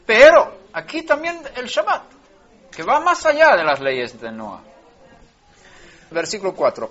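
A man gives a verse-by-verse Bible lesson in a slightly high voice, his pitch and volume climbing whenever he presses a point. He often restarts words mid-phrase. The recording sounds dull and lo-fi. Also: pushed and bright. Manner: rises in pitch and volume when stressing a verse. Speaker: Bible teacher.

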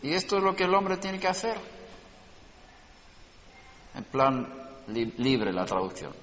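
A man's voice: mid-range voice, sing-song, takes it slowly, fairly bright tone, a little hiss or hum. A man teaching a religious class, explaining and putting rhetorical questions to his students. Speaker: Torah teacher. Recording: dull lo-fi recording in an echoey hall.

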